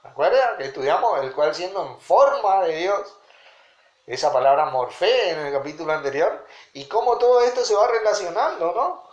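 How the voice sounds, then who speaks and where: A man's voice: high-pitched, animated, moderate pace, dull audio. A man, teaching a Bible study and checking in with his listeners often. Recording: roomy echo.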